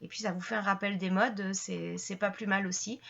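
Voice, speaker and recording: A woman's voice: medium pitch, steady tone, normal speed, creaky, a bit bright, slightly rough, highs cut off. A woman teaching a French grammar lesson to her channel's viewers, explaining patiently step by step with frequent fillers and restarts.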